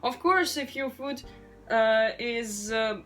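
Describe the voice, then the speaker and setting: Slow-talking frustrated young woman venting. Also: a little high, a bit bright, faint music behind, poor audio. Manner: frustrated, blunt, swears freely, slow with many fillers. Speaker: vlogger, waitress. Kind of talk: casual ranting vlog.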